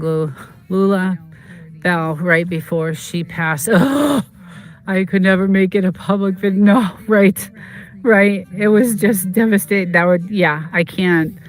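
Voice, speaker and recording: A vlogger in casual, rambling chat, repeating words and filling pauses, and turning emotional when recalling a pet's injury. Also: mid-range voice. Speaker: vlogger telling a personal story.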